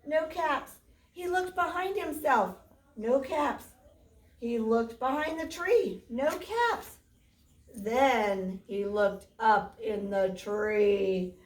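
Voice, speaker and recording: A woman teacher reading a picture book aloud to children in a classroom, animated and stopping to quiz the kids. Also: fairly high pitch, very slow. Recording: roomy classroom from far off.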